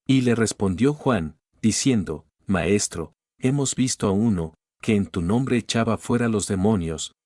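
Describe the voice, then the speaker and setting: A man reading scripture aloud in a measured, even recitation. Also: lowish voice, no echo, studio quality. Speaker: Bible reader.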